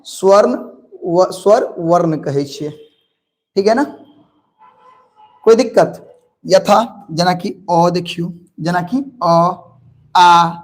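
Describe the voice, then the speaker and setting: Lively high-voiced male Maithili teacher. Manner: drills students with quick questions and answers; lively, calls students pet names. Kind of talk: online exam-prep grammar lesson.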